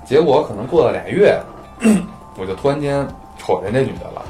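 A man's voice: medium pitch, sing-song, brisk, mellow. A man with a Beijing accent telling anecdotes in a casual chat, with slangy, earthy talk and free swearing. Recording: music playing behind. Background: music.

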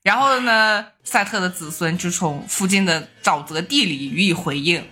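A woman's voice: lowish voice, normal speed, sharp tone, slightly rough, soft background music. A woman hosting a podcast, casually retelling an ancient myth and laughing often as she acts out the gods. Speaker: podcast host telling myths. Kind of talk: casual storytelling chat.

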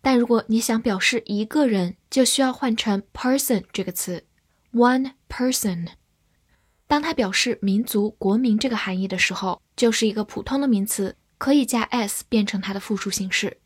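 A woman teaching English vocabulary to learners, spelling each word letter by letter and reading the examples slowly. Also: on the high side, slightly rough, no echo, studio quality. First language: Chinese. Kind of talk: vocabulary lesson.

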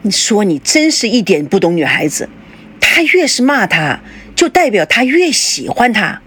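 A woman's voice: mid-range voice, sing-song, moderate pace, fairly bright tone. A woman voicing a shrewd middle-aged mother who fusses and persuades. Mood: scolding. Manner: fussing, persuasive.

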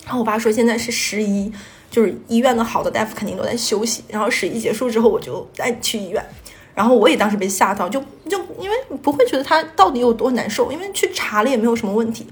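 A woman's voice: a little high, quick pace. A young woman from Northeast China, telling a personal story in a rambling way and stringing thoughts together with "and then". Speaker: podcast storyteller.

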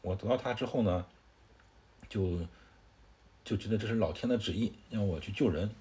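A man doing a calm old Taoist healer. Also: on the low side, normal speed, lightly acted. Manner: patient, explanatory.

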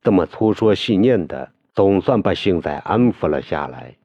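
Man, audiobook narrator, very deep voice, lively intonation, dry close sound. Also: moderate pace, breathy edge, no echo, dull audio. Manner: storytelling, expressive.

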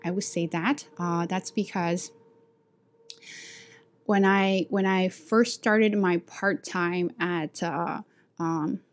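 A woman from China with a Chinese accent and a lowish voice tells casual personal stories. She works as an English teacher and talks through her experiences with frequent restarts and fillers.

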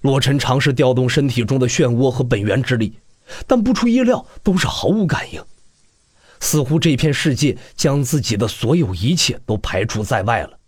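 Male narrator for a web-novel audiobook: slightly husky, with lots of movement in the voice. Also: medium pitch, normal speed, no room sound, clean studio sound. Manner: animated storyteller, rising and falling delivery.

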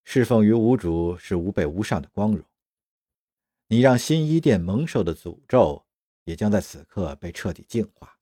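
A man playing a cold, quiet fanatic assassin. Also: lowish voice, lively intonation, normal speed, no echo, studio quality. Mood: cold menacing. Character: young male fanatic assassin, cold and ritualistic.

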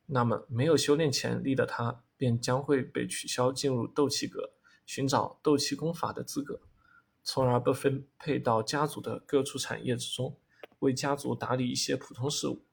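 A man narrating a fantasy novel as an audiobook, with a steady storytelling delivery. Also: medium pitch, normal speed, gravelly, slightly rough.

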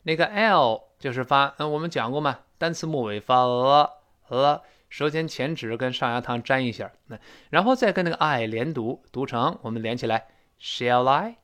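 Guy from china teaching english, chatty and jokey, drills each phrase slow, mid-pitched voice. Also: expressive, fairly bright tone. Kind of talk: spoken English lesson.

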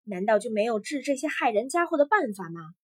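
A woman's voice: a little high, big pitch swings, brisk, slightly rough. A woman voicing an earnest young fisherman in a told folktale, speaking firmly and with determination. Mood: determined. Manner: firm, determined.

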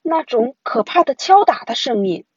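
A woman voicing a timid little boy who is easily scared in a storybook, talking in a hushed, whiny way. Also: sits high, very animated, normal speed, husky, no room sound, highs cut off, voice pushed up, heavily acted. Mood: anxious.

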